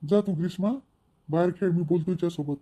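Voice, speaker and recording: Man playing a dark-voiced, gruff village father. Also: high voice, quick pace. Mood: calm. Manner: gruff, plain-spoken, scolding. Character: blunt village husband and father. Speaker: actor in a village family drama. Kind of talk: village comedy-drama acting.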